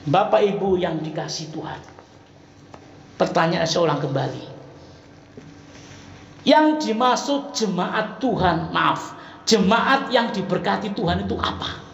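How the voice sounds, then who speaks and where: A man with a light, high voice preaches in an East Javanese accent, chatty and folksy, jumping from loud exclamations to soft asides. His voice rings around an echoey church hall. A faint hum of background noise sits underneath. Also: measured pace, pauses often. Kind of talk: Sunday sermon.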